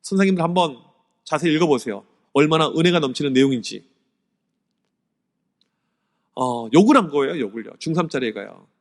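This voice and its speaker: A male pastor giving an animated sermon-style seminar to teachers, telling stories and swinging from loud to hushed. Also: a little high, fast. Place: church sanctuary. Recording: long church hall reverb.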